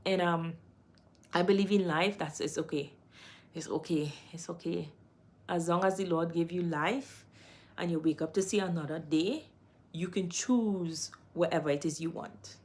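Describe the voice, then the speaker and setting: Speaking at a normal pace in a lowish voice, this Trinidadian livestream host chats casually from home. She reads comments from viewers aloud, laughs a lot, and gives warm, heartfelt encouragement.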